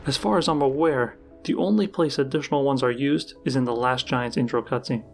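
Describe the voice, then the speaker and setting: A man's voice: medium pitch, fairly quick, creaky. Man narrating a game trivia countdown over music. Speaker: video game YouTuber, narrator. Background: background music.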